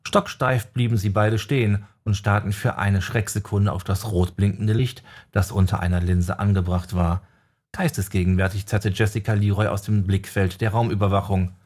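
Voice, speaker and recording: A man reads a fantasy audiobook in steady, scripted narration at a normal, even storytelling pace. His low voice has a husky, slightly breathy grain.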